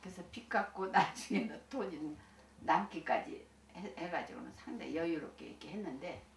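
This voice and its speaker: A woman's voice: on the low side, moderate pace, gravelly. An older woman, a senior Buddhist minister, telling stories from her life in a folksy, chatty way with frequent laughter. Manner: folksy and chatty, laughs often, many restarts. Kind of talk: recounting life experiences to listeners. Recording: echoey room, distant mic, faint hiss.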